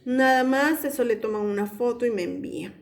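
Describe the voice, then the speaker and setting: Woman teacher explaining homework slowly. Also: fairly high pitch. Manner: explains step by step, slows to spell out English examples. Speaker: English teacher. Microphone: phone held in hand.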